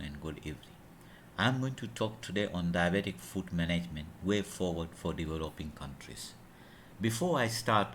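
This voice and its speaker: Tanzanian guy, pretty low voice, giving a conference talk, bit halting, little hiss behind. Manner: measured, halting, with restarts. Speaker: conference speaker. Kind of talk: lecture. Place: at home or office, recording remotely.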